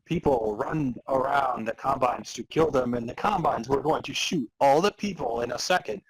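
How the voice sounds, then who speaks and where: Heard through a low-quality recording, a man with a mid-range voice co-hosts a comedy podcast at normal speed. He gives theatrical readings of fan fiction and banters casually, frequently amused.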